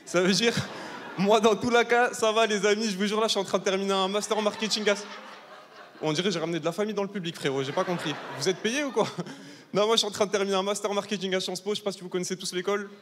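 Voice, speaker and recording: This stand-up comedian, a young man in his twenties from southern France, keeps up a fast, brash patter while poking fun at 800 people in a large live comedy hall. His voice is high, steady, and a bit bright. There's reverberant hall sound, faint ambience, and a little hiss or hum.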